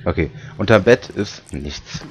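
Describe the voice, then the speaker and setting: A man commenting on a horror game, joking and reading the English on-screen text aloud haltingly. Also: low-pitched, lively intonation, a little hiss or hum. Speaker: let's play commentator. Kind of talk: casual gaming commentary.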